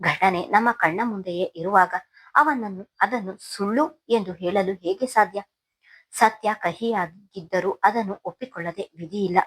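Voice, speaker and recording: A woman voicing a heartbroken middle-aged father in a Kannada audiobook story, speaking haltingly and sorrowfully. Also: medium pitch, a bit bright, slightly rough. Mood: grieving.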